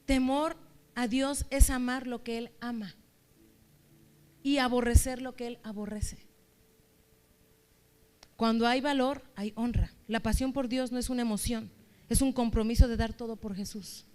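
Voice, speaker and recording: A woman's voice: a little high, fairly even intonation, unhurried, long pauses, darkish tone. A woman church leader preaching a sermon, exhorting her listeners with strings of rhetorical questions.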